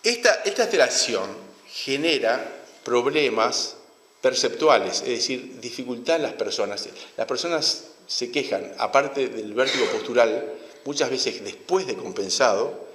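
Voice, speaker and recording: A man with a Uruguayan Spanish accent giving an academic lecture, halting and restarting his phrases often. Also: mid-range voice, animated, a bit bright, a little hiss or hum. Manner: halting, with frequent restarts and fillers. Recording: roomy hall with long reverb.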